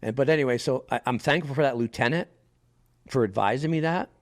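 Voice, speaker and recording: A man's voice: mid-range voice, a little fast. A middle-aged man, a podcast guest, telling stories in a casual interview and acting out the people he quotes. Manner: animated storyteller, quotes others in lively asides.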